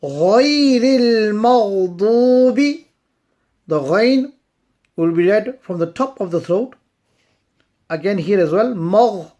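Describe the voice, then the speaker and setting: A woman teaching recitation, chanting verses slowly and then explaining pronunciation rules in brisk spoken asides. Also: lowish voice, lively intonation, warm tone. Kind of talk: slow tajweed lesson.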